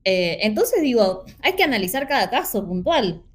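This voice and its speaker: Her voice is a little high and her pace moderate. This Argentine panelist speaks Rioplatense Spanish, sounding earnest and animated in a relaxed discussion full of filler words.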